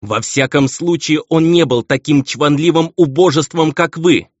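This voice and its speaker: A man's voice: mid-range voice, big pitch swings, normal speed, breathy edge, dry recording, pitched above the performer's own voice. A man voicing a bitter, scornful noblewoman and mother in a raised voice, on a dull, lo-fi recording.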